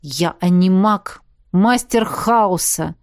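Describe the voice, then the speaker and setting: Storybook role: brooding, possessive shapeshifter lad, slow, blunt, gruff, read by a woman. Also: mid-range voice, lively intonation. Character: jealous, possessive young male shapeshifter student.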